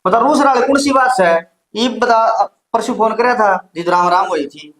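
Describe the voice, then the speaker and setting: An actor playing a brother who scolds his sister in a loud, accusing manner, with a Haryanvi accent. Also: high-pitched, a little fast. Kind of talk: village family comedy drama. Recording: echoey room.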